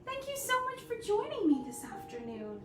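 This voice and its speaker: A woman's voice: very high voice, huge pitch swings, moderate pace, far from the mic, full character voice. A woman doing a sing-song fairy-tale princess. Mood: sweet, welcoming. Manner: sing-song, gushing, with delighted little gasps. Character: sweet cheerful young princess woman. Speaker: costumed princess performer hosting a live story-time. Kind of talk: live-stream greeting of children. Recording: echoey room, away from the mic, faint music.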